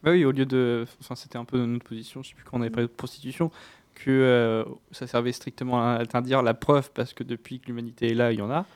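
A man on a panel explaining his views casually, in halting stretches with self-corrections. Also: mid-range voice, level tone, a little mellow, smooth. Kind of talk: casual discussion.

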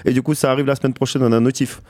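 A young man from Poitou with a regional French accent hosts a casual radio interview, relaxed and joking, repeating his words. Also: medium pitch, racing, dry recording. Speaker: radio show host.

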